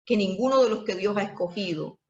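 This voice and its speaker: A middle-aged woman pastor preaches an earnest testimony sermon. She exhorts her listeners and acts out her own past words along the way. Her voice sits at a middle pitch, and the recording sounds dull and lo-fi. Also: lively intonation, fairly quick. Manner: earnest, exhorting, quotes herself in asides. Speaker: pastor and theology teacher.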